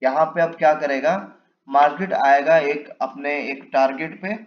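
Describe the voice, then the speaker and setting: A man's voice: fairly high pitch, fairly even intonation, measured pace. A man giving a casual step-by-step lesson on reading charts, asking and answering his own questions as he draws. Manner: explains while drawing, asks and answers his own questions. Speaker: trading teacher. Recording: echoey room, dull lo-fi mic, faint hiss.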